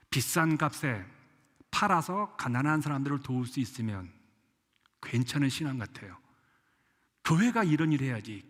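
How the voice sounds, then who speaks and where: A man's voice: medium pitch, a bit bright. A man preaching a sermon as pastor, with an impassioned delivery that acts out the people he quotes. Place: church sanctuary. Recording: echoey church hall.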